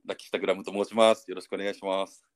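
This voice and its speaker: A man from Kyushu joins a podcast as a guest, with a fairly low voice and words that tumble out quickly. He is chatty and jokey, slipping into playful dialect bits. The sound is dry and close. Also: flat delivery, no echo. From Kyushu, Japan. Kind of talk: casual podcast chat.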